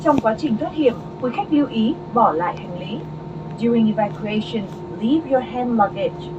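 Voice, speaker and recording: A woman's voice: on the high side, animated, normal speed. A woman flight attendant giving a formal, scripted cabin safety announcement. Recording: muffled, noisy aircraft cabin speaker. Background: clear aircraft cabin noise.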